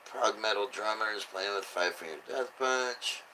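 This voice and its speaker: Drunk sounding guy reading headlines, lowish forceful voice, slow and sweary, bit of noise behind him. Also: poor audio. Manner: blunt, swearing, offhand. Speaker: host reading and reacting to news. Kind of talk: casual rambling commentary on headlines.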